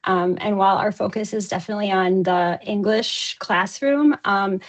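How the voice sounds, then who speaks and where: A woman's voice: medium pitch, moderate pace, poor audio. A woman co-hosting a webinar, welcoming attendees and talking hesitantly, with frequent "um". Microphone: video call.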